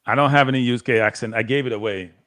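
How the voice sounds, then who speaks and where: Speaking fast in a medium-pitched, fairly bright voice, a Jamaican-accented man debates football tactics during a live watchalong. He's combative, circles back to the same points, and breaks into laughter often.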